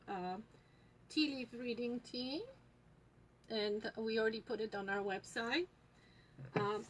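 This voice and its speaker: A woman with a Polish accent and a medium-pitched voice hosts a tea shop's live lesson on reading tea leaves. She explains things to viewers very slowly, pausing often and using many small fillers. The audio is poor, with a faint ambient hiss behind her.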